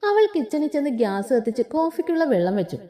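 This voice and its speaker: A woman's voice: high-pitched, quick pace. A woman reading a romance story aloud, voicing every character. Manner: expressive reading, voices all characters.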